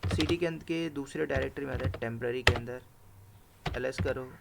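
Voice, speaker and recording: A man with a gravelly, creaky voice teaches a live class at his computer, walking through each step and checking in with "right?" as he goes. Steady keyboard clicks and clear background noise run under his voice in this home recording. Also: mid-range voice, fairly quick. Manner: explains step by step, tags lines with "right?" and "okay". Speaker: instructor. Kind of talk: live screen-share coding class.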